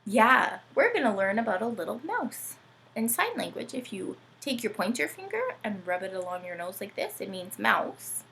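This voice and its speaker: Speaking at normal speed with a creaky, medium-pitched voice, a children's read-aloud host reads and chats to young children. She keeps it playful, animated and sing-song, regularly asking them questions.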